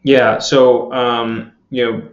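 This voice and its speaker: A man being interviewed as a guest on a podcast, explaining in a measured way with lots of fillers and restarts. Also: mid-range voice, flat delivery, roomy sound, lo-fi sound. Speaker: guest, platform executive.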